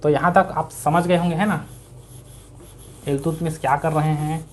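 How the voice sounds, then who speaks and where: A man with a high-side voice, steady tone, and moderate pace teaches an exam-prep history lesson conversationally in Chhattisgarhi-tinged Hindi. He poses questions, answers them himself, and repeats key words for emphasis.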